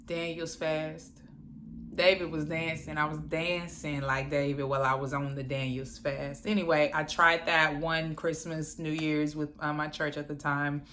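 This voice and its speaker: Bright, playful woman. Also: sits low, a little slow, slight background noise. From Dallas, Texas, USA. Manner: playful and animated, slips into quoted voices and laughs. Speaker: vlogger. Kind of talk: casual vlog chat.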